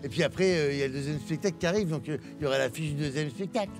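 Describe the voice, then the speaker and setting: A man's voice: fairly high pitch, very fast, over music. A man with a northern French accent, a comedian chatting and joking playfully. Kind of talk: stand-up and documentary chat.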